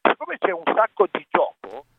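Man on car speakerphone, tinny phone line, loud hiss, insistent aggrieved caller. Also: high-pitched, huge pitch swings, moderate pace. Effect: car speakerphone over a phone line. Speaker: radio caller. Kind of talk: phone-in sports argument. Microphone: car hands-free speakerphone.

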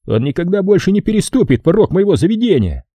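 A man's voice: high-pitched, fast, no echo, pitched above the performer's own voice. A man doing a menacing casino boss, raised voice. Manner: calm, menacing and curt. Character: cold domineering male casino boss.

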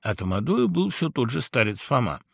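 A man narrating a fairy-tale audiobook in a recording studio as an expressive storyteller. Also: medium pitch, moderate pace, creaky, no room sound.

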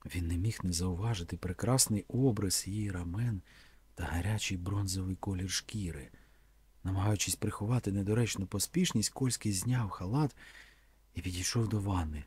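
Male narrator, husky and lowish, dry close sound, measured reading. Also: a little mellow, no room sound. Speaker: audiobook reader. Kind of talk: scripted narration.

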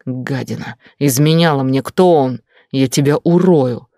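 A man doing a jealous shouting husband. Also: medium pitch, unhurried, dry recording, studio quality, natural voice. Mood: furious. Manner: harsh, accusing, shouting. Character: angry jealous husband, middle-aged man.

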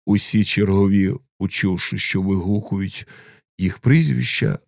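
A man narrating a classic novel as an audiobook, in expressive storytelling. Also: low-pitched, a little slow, gravelly, dry recording, studio quality.

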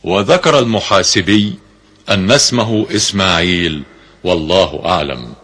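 Man, low husky voice, formal scholarly reading, measured, slows on quotations, radio broadcast. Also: fairly bright tone. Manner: measured, slows on quoted verses. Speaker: reader of Quran commentary.

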